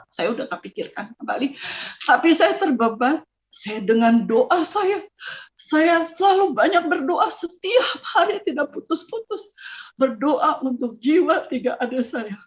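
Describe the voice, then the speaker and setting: A middle-aged woman giving a personal testimony, telling her story with strong feeling, her voice at times rising and breaking. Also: on the high side. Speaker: testimony speaker. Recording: slightly dull lo-fi sound.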